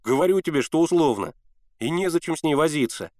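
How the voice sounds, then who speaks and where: Man reader doing a bossy teen boy, raised and lively, insistent, dry close audio. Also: on the high side, no room sound, voice pushed up, close to an everyday voice. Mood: impatient. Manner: hurried, insistent, grumbling. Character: impatient teenage boy, pushy and dismissive.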